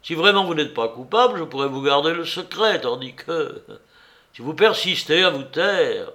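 A man voicing a severe police commissioner who questions a suspect sharply and loudly. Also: on the high side, animated, normal speed, voice pushed up. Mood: pressing. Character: stern, probing male police commissioner.

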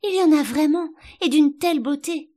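Woman putting on a little girl voice, storybook, polite and curious, high and a bit whiny. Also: big pitch swings, moderate pace. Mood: eager. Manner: polite, eager, a little plaintive.

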